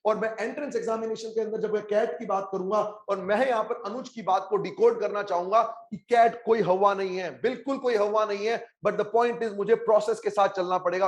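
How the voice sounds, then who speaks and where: High-voiced energetic Indian male teacher. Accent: Indian English. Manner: energetic, mixes Hindi and English, urges the chat to reply. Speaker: online exam coaching teacher. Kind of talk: live online class.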